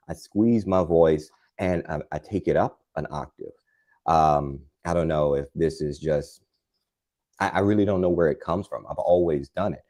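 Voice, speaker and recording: A man hosting a live gardening demo, talking in a calm, soothing, chatty way. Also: rumbling low. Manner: chatty and rambling, with many fillers. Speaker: gardening channel host. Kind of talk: live repotting demo, casual chat.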